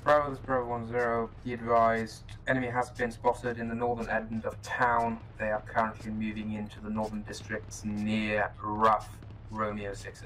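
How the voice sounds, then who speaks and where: A man's voice: on the low side, monotone, moderate pace, hardly any pauses, fairly bright tone, low-quality recording. A man using formal military radio procedure in a simulation game, recorded over voice chat. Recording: game voice chat with faint noise.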